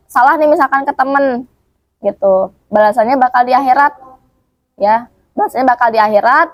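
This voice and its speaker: A woman's voice: fairly high pitch, no room sound. A young woman student teaching a casual Quran commentary lesson at a boarding school, chatty, full of fillers and rhetorical questions. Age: young adult.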